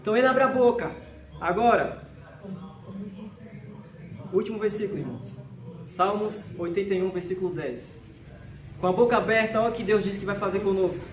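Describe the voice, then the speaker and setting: A man from Brazil preaching a sermon, emphatic, slowly repeating each verse reference. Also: high-pitched. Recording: echoey hall with faint noise.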